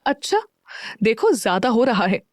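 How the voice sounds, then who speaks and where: A woman doing a feisty sharp-tongued young woman. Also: on the high side, sing-song, normal speed, no echo, clean studio sound. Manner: snappy, dramatic.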